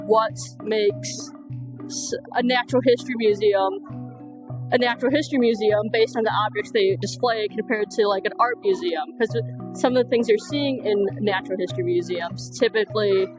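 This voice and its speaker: A woman's voice: mid-range voice, normal speed, over music, poor audio. Thoughtful woman musing aloud. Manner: thoughtful, searching for words. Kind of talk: casual reflection.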